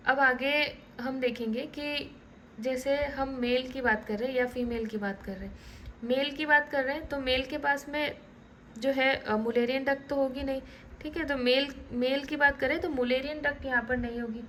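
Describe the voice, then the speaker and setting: A woman teaching biology in a relaxed lecture style, often checking in with the class and restarting words as she explains diagrams. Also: sits high, normal speed, slight background noise, low-quality recording.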